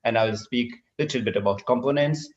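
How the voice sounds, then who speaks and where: Speaking a bit fast in a mid-range voice over slight background noise, a middle-aged man from Assam, India, lectures formally at a university as a surgeon. His delivery is hesitant, full of fillers and restarts, heard through dull lo-fi audio from a screen-recorded online call.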